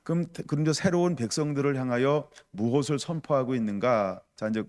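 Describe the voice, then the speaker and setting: A man preaches a midweek sermon in an easy, conversational tone, at a middle pitch. He acts out the grumbling of the people in his story and turns to his listeners with direct questions. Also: fairly quick, a little mellow. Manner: conversational preaching, acts out voices of the crowd, asks the congregation questions. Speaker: pastor.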